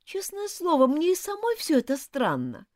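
A woman voicing an earnest, flustered young schoolgirl in an audiobook, high and pleading. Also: huge pitch swings, moderate pace, a little mellow, dry recording, studio quality. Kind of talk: audiobook character voice.

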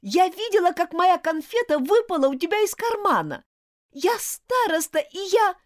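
A woman reading an audiobook, voicing a fiery schoolgirl monitor who is indignant and insistent, with shrill outbursts. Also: sing-song, normal speed, dry recording, clean studio sound. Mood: pleading. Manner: shrill, pleading, loud outbursts.

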